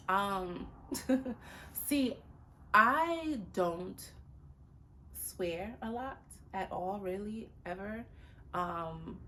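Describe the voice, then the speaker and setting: A woman hosts a casual motivational talk at a middling pitch. She speaks earnestly and repeats her points for emphasis, her voice jumping high when she acts out other people. A faint hiss sits behind her. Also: a bit bright. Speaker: host.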